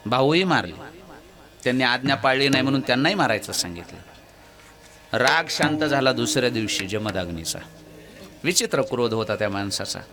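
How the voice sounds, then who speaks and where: A man preaching a devotional storytelling sermon, animated and often putting questions to his listeners. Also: medium pitch, brisk, long pauses. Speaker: kirtan preacher.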